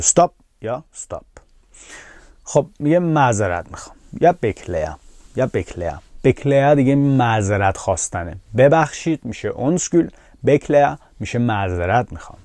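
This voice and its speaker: Man teaching phrases slowly, dry sound. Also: mid-range voice, mellow, no echo. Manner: repeats each phrase slowly, then explains with fillers. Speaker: language teacher. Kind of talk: language lesson, explaining and repeating phrases slowly.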